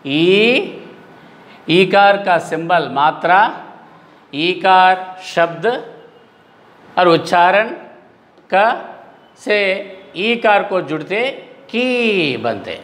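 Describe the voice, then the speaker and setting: Slow high-voiced male teacher, echoey room. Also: lively intonation, a bit bright. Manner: slow, drawn-out explaining voice, repeats sounds aloud. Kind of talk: recorded classroom lesson for children.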